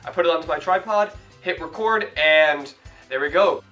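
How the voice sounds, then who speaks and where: A young man from Toronto explains a practical routine in a relaxed, chatty way, stopping to show things as he goes. His voice sits a little high and sounds bright and forward. Soft music plays behind him in a room at home. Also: moderate pace. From Toronto, Canada. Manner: upbeat, chatty, hands-on demonstrating. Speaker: actor giving advice. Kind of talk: casual how-to vlog. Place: home room in front of a hung sheet.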